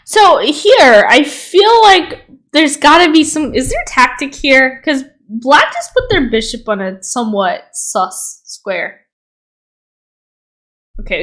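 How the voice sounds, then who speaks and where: Woman chess streamer, lively sing-song delivery, slow and unhurried, giggles easily. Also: sits high. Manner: easily amused, breaks into giggles, chatty asides to viewers. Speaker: chess streamer reviewing viewers' games. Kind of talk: casual livestream game analysis.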